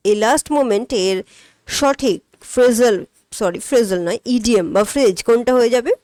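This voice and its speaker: A fairly high-voiced woman talks through exam questions as a tutor. She asks questions and answers them herself, slowing right down whenever she reads out the English sentences. The recording is dry and close, with no room sound. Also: mellow, dry recording. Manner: explains step by step, asks and answers her own questions, reads English items slowly. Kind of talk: spoken exam-prep lesson.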